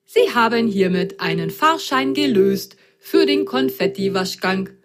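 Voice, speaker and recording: A woman's voice: medium pitch, animated, measured pace, close to an everyday voice. A woman doing a tinny, jolly magic washing machine.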